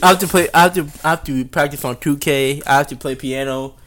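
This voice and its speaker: A man's voice: fairly high pitch, fast, fairly bright tone. A young man co-hosting a podcast, laid-back and drawling, leaning on "man" and "you know". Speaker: podcast co-host and editor. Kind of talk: casual podcast chat.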